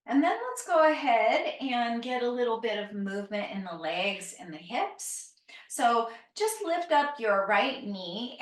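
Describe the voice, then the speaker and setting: Slow, calm woman guiding grounding yoga, roomy sound. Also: mid-range voice. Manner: gentle, unhurried, encouraging instruction with soft phrase endings. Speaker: yoga instructor. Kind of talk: calm grounding exercise, guided gentle yoga and breathing. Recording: roomy, echoing, distant microphone.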